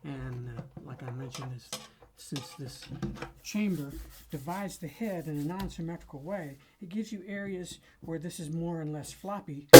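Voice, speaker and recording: A woman demonstrating a cajon she builds, explaining it in an unhurried, casual way with pauses and fillers. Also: low voice. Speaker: cajon maker demonstrating an instrument. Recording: cajon drumming between and under the speech.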